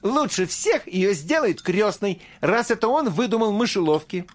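A man's voice: high voice, expressive, moderate pace, pitched above the performer's own voice. A man doing an eager young boy.

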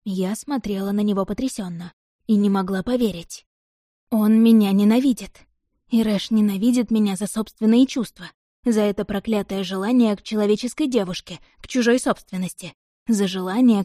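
Woman narrating with a mellow dry voice. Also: mid-range voice, a little fast, no room sound. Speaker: audiobook narrator. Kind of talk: first-person novel narration.

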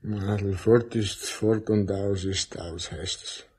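Weary old southern German father, husky. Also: on the low side, fairly even intonation, slow, a little mellow. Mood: weary, resigned. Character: weary, broken old puppeteer father, resigned and sad.

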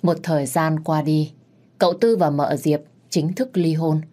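A woman reads a story aloud in a steady, solemn tone. Her voice is low and husky, with a breathy edge. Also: a little slow. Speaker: story narrator. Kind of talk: scripted narration.

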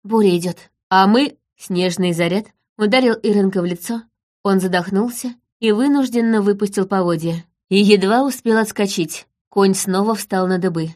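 A woman's voice: medium pitch, moderate pace, a little mellow. Woman narrating an audiobook. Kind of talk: first-person scripted narration.

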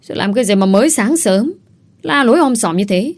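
A woman's voice: a little high, expressive, fairly quick, voice pushed up. A woman voicing a stern older male landowner who demands answers. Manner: gruff, commanding.

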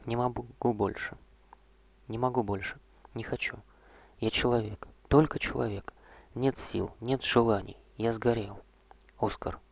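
A man's voice: mid-range voice, no room sound. A man playing an anguished necromancer king. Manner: anguished, pleading, raw and loud at times. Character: despairing male necromancer king, self-loathing.

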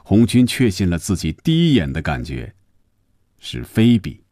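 A man with a very deep, dark, mellow voice reads a story aloud at a measured pace. His delivery is expressive and swings widely in pitch, and the sound is dry and close, as in a broadcast storybook reading. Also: no echo. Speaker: narrator.

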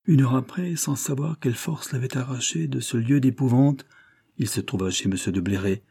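A man narrating a classic novel as an audiobook in a measured, expressive reading. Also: mid-range voice, vocal fry, husky, no room sound, studio quality.

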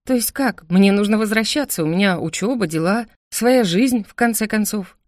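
Woman reading a hurt young heroine for an audiobook; sharp, raised delivery, dry studio sound. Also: mid-range voice, expressive, normal speed, no room sound, lightly acted. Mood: defiant, upset. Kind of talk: audiobook character voice.

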